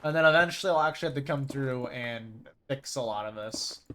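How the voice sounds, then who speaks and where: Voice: medium pitch, brisk, fairly bright tone, slight background noise. A streamer rambling and thinking aloud over live gameplay in casual chat.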